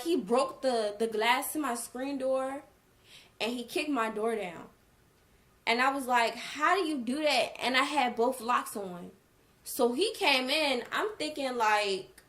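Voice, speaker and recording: A woman's voice: fairly high pitch, fairly bright tone. A young woman vlogger telling a personal story in a casual storytime style, acting out quoted dialogue with emphasis. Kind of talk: storytime vlog, casual retelling.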